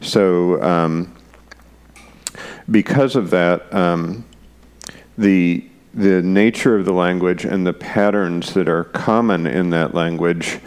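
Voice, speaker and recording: A man's voice: low voice, takes it slowly, darkish tone, clear, resonant tone. A man speaking as an interview guest, explaining a programming topic off the cuff, hesitant with many fillers and restarts. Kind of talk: unscripted technical explanation.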